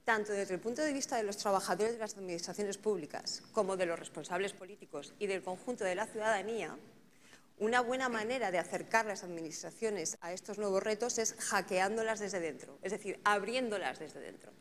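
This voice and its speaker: A brisk, medium-pitched female moderator leads a conference panel, working through her thoughts aloud and often adding tag questions. The hall gives the audio reverb and a faint ambient backdrop.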